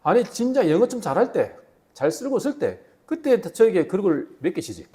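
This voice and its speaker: A man's voice: high-pitched, normal speed. A middle-aged man preaching a sermon as pastor, telling stories with many rhetorical questions in a church. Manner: animated storytelling, rhetorical questions. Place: church sanctuary.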